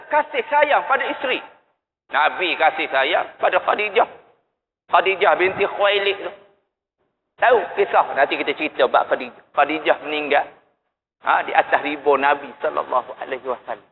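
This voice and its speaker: High-voiced male preacher in echoey hall. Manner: emotive storytelling, rhetorical questions to the congregation. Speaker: mosque preacher. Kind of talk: evening sermon with Quran recitation. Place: mosque hall. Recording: echoey mosque hall over tinny lo-fi sound.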